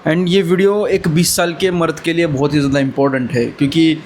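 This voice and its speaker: A man's voice: fairly high pitch, steady tone, fairly quick, a little mellow, a little hiss or hum. A man in his twenties giving earnest, brotherly motivational advice in a casual talk to camera. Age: 20s. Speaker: vlogger.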